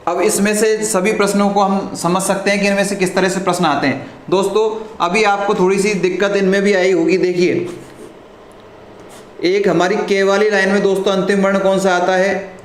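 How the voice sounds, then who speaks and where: High-voiced male teacher in an echoey room. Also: little pitch movement, moderate pace. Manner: repeats questions to the class and answers them; often clears throat. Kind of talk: live online grammar lesson. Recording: echoey room with faint noise.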